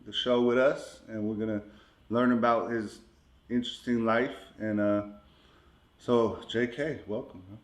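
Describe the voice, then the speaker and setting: A man's voice: mid-range voice, steady tone, unhurried. A man hosting a podcast in an easygoing way, asking short questions and answering with brief "right" and "mm-hmm.". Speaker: podcast host. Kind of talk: casual interview hosting. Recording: roomy echo with faint noise.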